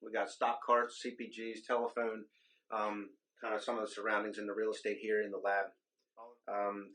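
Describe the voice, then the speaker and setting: A man's voice: lowish voice, fairly bright tone, low-quality recording. A man, a simulation program administrator, giving a methodical instructional walkthrough of equipment in a hospital trauma bay simulation lab. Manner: explanatory, methodical, occasional ums.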